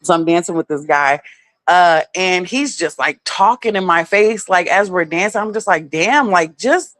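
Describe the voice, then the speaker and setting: A woman's voice: on the low side, fairly even intonation, moderate pace, a bit bright, no room sound. A woman telling a personal story in a casual vlog, candid and heavily profane, full of filler words.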